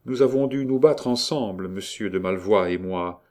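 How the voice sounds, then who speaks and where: A man's voice: on the low side, normal speed, lightly acted. A man voicing Roland, a brooding young lover. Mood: pleading. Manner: soft, hushed, pleading. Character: young nobleman, brooding and jealous. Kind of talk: audiobook reading.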